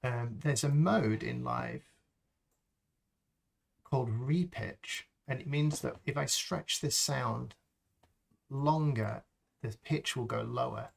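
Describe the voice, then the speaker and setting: Slow, gravelly man thinking aloud. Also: medium pitch. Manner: slow, thinking aloud as he works, with frequent ums. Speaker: live stream host demonstrating sound design. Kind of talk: unscripted tutorial walkthrough.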